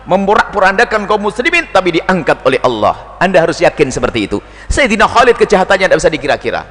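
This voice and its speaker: A man's voice: high-pitched, very animated, fast, a bit bright. A man giving an impassioned sermon to a gathered congregation, acting out heartfelt prayers of repentance. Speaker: preacher. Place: large hall before a congregation. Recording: long hall reverb.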